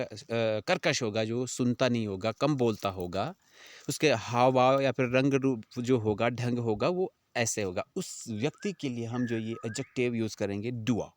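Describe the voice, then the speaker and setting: A man's voice: medium pitch, no room sound. A man teaching vocabulary, spelling words out and checking that students follow. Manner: slow, deliberate teaching, spelling words out and asking "clear?". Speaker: English teacher. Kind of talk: vocabulary lesson in Hindi and English.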